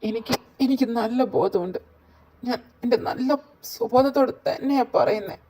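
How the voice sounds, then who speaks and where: A woman's voice: a little high, normal speed, warm tone, close to an everyday voice, low-quality recording. A woman voicing a hurt young man who is crying, in a fan audio drama. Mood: bitter. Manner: pleading, sobbing questions.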